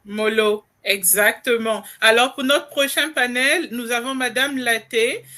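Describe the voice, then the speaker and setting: A woman moderating a live event, chatty and quick to agree with her co-host. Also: a little high, sharp tone. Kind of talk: casual presenting to an audience.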